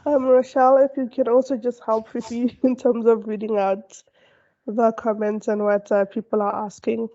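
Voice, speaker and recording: A woman's voice: fairly high pitch, flat delivery, moderate pace, mellow. A woman with a sore throat moderating an online workshop over a video call, politely stepping in with fillers. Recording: dull lo-fi video call audio.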